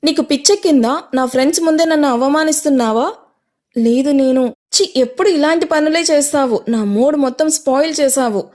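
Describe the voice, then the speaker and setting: A woman voicing a haughty, hot-tempered rich young woman who yells at her maid. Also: normal speed, close to an everyday voice. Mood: angry. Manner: shrill angry yelling.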